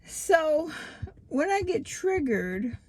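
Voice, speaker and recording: A woman giving a candid, casual personal monologue, rambling and halting, often circling back and repeating herself. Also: high voice, sing-song, dry recording. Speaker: vlogger giving herself a pep talk. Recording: loud traffic and vehicle noise.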